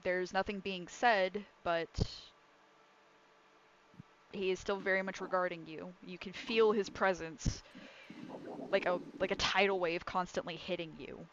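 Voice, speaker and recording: A woman's voice: lowish voice, fairly even intonation, unhurried, long pauses, a bit bright, lo-fi sound, a little hiss or hum. A woman running a tabletop game, improvising descriptive narration in an informal way. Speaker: game master.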